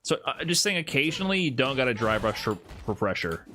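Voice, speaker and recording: A man's voice: mid-range voice, fast, a little hiss or hum. A man from Miami chatting casually and patiently coaching a player through a fighting game. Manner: relaxed, laughs easily, explains patiently.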